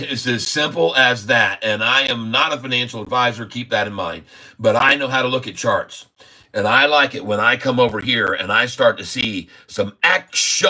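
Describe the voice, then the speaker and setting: Speaking with a medium pitch and a sharp tone, a man in his sixties from Haiti runs a casual live chat about stocks. He is upbeat and jokey, chuckling frequently between remarks.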